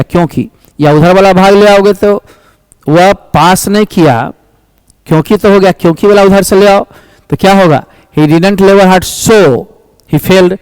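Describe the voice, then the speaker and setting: High-voiced man teaching grammar. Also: a little mellow, clear, resonant tone, no room sound, poor audio. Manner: reads English sentences slowly, explains quickly in Hindi; addresses students as "my child". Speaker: English teacher. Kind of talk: exam-prep grammar lesson.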